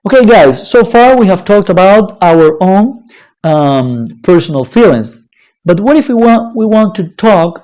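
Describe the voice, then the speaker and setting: Slow, lively-voiced language teacher. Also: mid-range voice. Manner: slow, deliberate, checks in with "okay?" and "right?". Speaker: Spanish teacher. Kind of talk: online language lesson.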